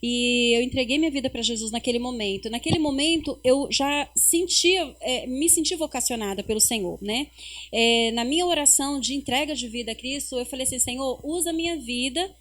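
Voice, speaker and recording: A woman's voice: sits high, brisk, a bit bright. A middle-aged mother sharing family stories and her faith testimony on a church podcast. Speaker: podcast guest. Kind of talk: casual church podcast conversation.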